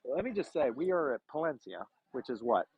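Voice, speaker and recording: A man's voice: mid-range voice, very animated, brisk, breathy edge. A man calling a youth baseball game from beside the field in a chatty, easygoing way. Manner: chatty, laughs often. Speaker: play-by-play announcer. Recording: muffled lo-fi stream audio.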